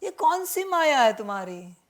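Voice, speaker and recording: A woman spiritual teacher giving a sermon that addresses her listeners as children. She gently admonishes and repeats her points, with English words mixed into her talk. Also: high voice, very animated, normal speed. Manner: mixes English words into Hindi.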